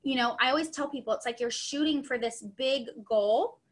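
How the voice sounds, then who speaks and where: A woman's voice: fairly high pitch, normal speed. A young adult woman giving a chatty, upbeat online training session, full of asides, over a video call. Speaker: sales trainer.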